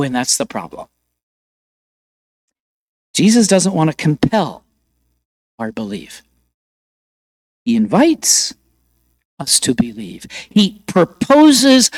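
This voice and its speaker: Male preacher, animated sermon delivery, dry close sound. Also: high-pitched, vocal fry, dry recording. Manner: animated, rhetorical questions, repeats words.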